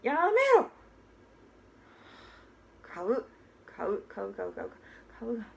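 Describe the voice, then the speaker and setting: A woman voicing a gruff working-class father who talks bluntly in rough street speech, in a rakugo-style stage story. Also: medium pitch, slow, a little hiss or hum, voice pushed down. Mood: exasperated. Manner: blunt, brusque, rough old-Tokyo street talk.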